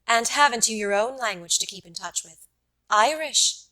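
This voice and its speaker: Woman narrator doing a young irish lady, blunt n teasing, bright forceful voice, audiobook dialogue. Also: fairly high pitch, expressive, normal speed, rough recording. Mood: challenging. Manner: blunt, abrupt, eager questioning.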